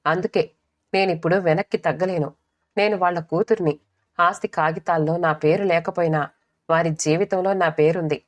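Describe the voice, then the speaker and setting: A resolute young wife who speaks calmly and firmly, voiced by a woman narrator. Her tone is low and steady, close to the reader's own voice. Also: moderate pace, natural voice. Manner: calm, firm.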